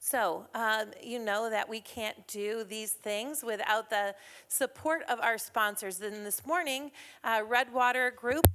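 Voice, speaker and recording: Hosting a chamber of commerce morning event, a woman with a highish, bright voice speaks unhurriedly but with a forceful tone. Her emcee announcements are chatty and upbeat, full of fillers, delivered into a mic in an event hall before a live audience, with slight background noise.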